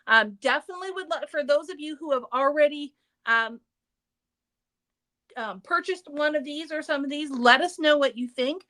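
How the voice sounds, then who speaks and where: A woman's voice: high voice, normal speed, bright, forceful tone. A woman hosting a craft store's live show, chatting casually and upbeat about products and store news. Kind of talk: casual livestream product chat.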